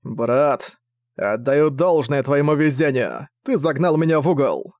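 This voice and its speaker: A man's voice: fairly high pitch, lively intonation, a little slow, a little mellow, dry recording. A man voicing a proud, defiant older prince who commands a fleet, speaking in a haughty, scornful way.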